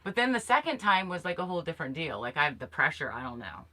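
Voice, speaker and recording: The recording is low quality, capturing a middle-aged woman who co-hosts a laid-back camping stream from a small insulated camper, frequently laughing and chatting. She speaks fast and very animatedly in a low, sharp-toned voice, framed with another person on a bench by a fixed camera.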